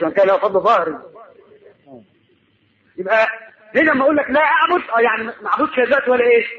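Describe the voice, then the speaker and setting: Egyptian man, very high voice, rapid questioning preacher; dull lo-fi recording. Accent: Egyptian Arabic. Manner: asks the audience questions and answers them himself. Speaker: preacher teaching Arabic grammar. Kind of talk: colloquial religious lesson.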